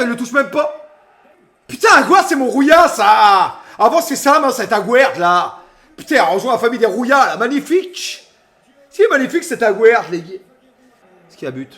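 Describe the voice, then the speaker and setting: High, bright, excitable male streamer. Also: moderate pace, roomy sound. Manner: yells at players like a coach, excitable. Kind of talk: live football match reaction.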